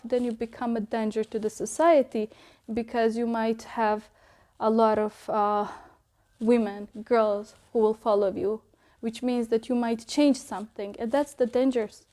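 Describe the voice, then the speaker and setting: A young woman from Bosnia, giving reflective interview answers about her art and pausing often to think. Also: fairly high pitch, warm tone. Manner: thoughtful, pausing often with ums.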